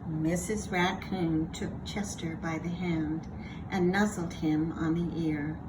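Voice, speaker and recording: A woman narrating a children's story aloud in an expressive read-aloud style. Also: sits low, takes it slowly, noisy background.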